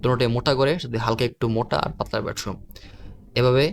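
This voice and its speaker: Male Quran teacher, level monotone delivery, slow and patient, repeats letter sounds, faint noise behind. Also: medium pitch, vocal fry. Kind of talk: recorded online lesson.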